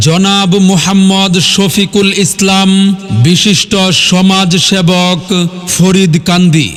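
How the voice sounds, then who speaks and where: A man calling out a public event announcement through a loudspeaker in a slow, drawn-out, chanted delivery. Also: high-pitched. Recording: long reverb, faint music behind.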